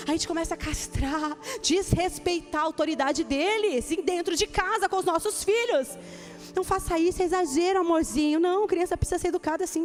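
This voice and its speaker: A woman with a Brazilian Portuguese accent preaching a sermon as senior pastor, emphatic and acting out quoted voices. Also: very high-pitched. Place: church conference stage.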